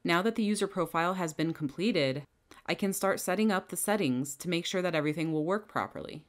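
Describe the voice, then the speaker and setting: A software trainer with a low-pitched voice leads viewers through a setup click by click in a screen-recorded tutorial. She speaks clearly and a little fast in an instructional manner, recorded close on a headset or bench microphone at her desk.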